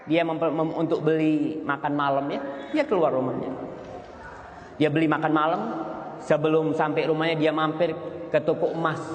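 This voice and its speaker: A male preacher giving a sermon on marriage, telling stories, his voice leaping higher for emphasis. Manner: storytelling, voice leaps higher for emphasis. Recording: echoey hall with long reverb, faint noise.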